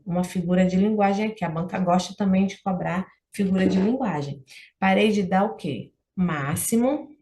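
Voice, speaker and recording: A woman's voice: mid-range voice, warm tone. A Brazilian woman teaching exam-prep Portuguese, walking through test questions and often checking in with the listener.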